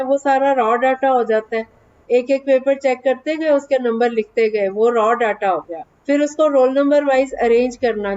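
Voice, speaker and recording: A woman math teacher giving a class, patient and often checking that the students follow, dictating numbers slowly. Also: high-pitched, darkish tone, highs cut off. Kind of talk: online class lesson in Hindi.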